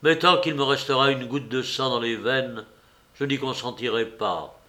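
A man's voice: medium pitch, moderate pace, sharp tone, natural voice. A man voicing a vehement, tormented young lover. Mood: pleading. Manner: vehement, impassioned outbursts. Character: tormented passionate young nobleman, male.

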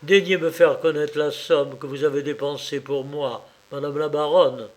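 A man's voice: on the high side, fairly even intonation, normal speed, lightly acted. A man voicing a proud, icy young man. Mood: cold. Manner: grave, icy. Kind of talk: audiobook reading.

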